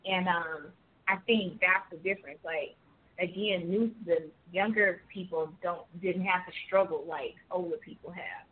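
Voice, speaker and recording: A woman from Jamaica with a lowish voice talks earnestly in casual conversation, full of "like" and "you know." The sound is thin and tinny, like a phone line. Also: fairly even intonation, unhurried, a little hiss or hum. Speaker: author and guest.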